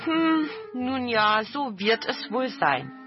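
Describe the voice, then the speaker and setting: A woman's voice: fairly low pitch, big pitch swings, measured pace, highs cut off, over music. A woman voicing a humble old village man in a storybook reading, mild and modest.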